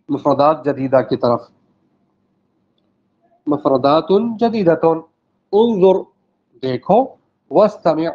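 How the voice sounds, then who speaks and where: A male teacher with a fairly high voice takes his class through vocabulary, one word at a time. He repeats each phrase and checks in with the students as he goes. The recording is dull and lo-fi. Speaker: Arabic teacher. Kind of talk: classroom language lesson.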